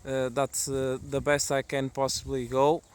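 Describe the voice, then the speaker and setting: A man's voice: mid-range voice, little pitch movement, clear, resonant tone. A man who is not a native English speaker gives a casual, hesitant hobbyist video demonstration outdoors in the countryside. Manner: hesitant, halting delivery. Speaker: amateur radio hobbyist presenting a video. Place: outdoors in the countryside among trees.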